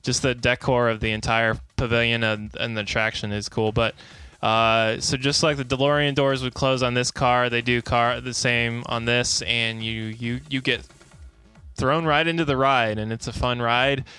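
A man's voice: medium pitch, flat delivery, normal speed, sharp tone, smooth, no echo, faint music behind. A man co-hosting a casual review, rambling and enthusiastic. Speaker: co-host reviewing a theme park attraction.

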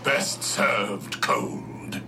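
An actor playing a pompous, vengeful cartoon villain with theatrical menace. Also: male voice, fairly low pitch, very animated, very slow, full character voice. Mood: menacing. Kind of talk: cartoon comedy acting. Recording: noisy theme park ride audio. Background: clear noise and ambience.

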